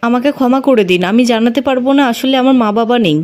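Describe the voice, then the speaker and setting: A woman's voice: on the high side, fast talker, a little mellow, lightly acted. A woman voicing an evasive young man who pleads and makes excuses about his past. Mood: pleading.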